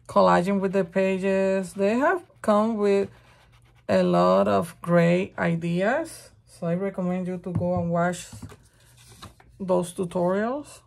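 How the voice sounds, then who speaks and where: A crafting channel host with a cold speaks in a rough, raspy voice that sits mid-range, steady and a little mellow. She talks slowly and chattily, thinking aloud as she works through a casual craft tutorial.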